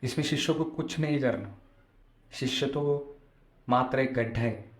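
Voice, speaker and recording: A man's voice: medium pitch, measured pace. A man giving a devotional discourse as a spiritual storyteller, explaining and repeating phrases for emphasis. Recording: echoey room sound.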